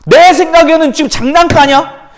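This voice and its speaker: A man voicing an indignant army general who shouts in outrage. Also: very high voice, steady tone, moderate pace, pitched above the performer's own voice. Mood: furious.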